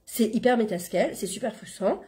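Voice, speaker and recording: A middle-aged woman giving an informal religious lesson, talking in a lively, conversational way and dropping Hebrew terms into her French. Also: a little high, normal speed. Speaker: Torah class teacher and coach.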